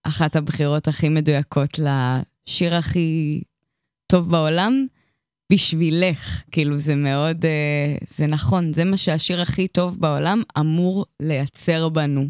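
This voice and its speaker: A woman hosting an interview, warmly affirming and enthusiastic in casual chat. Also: low voice, fairly even intonation, smooth, no echo, clean studio sound. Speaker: podcast host.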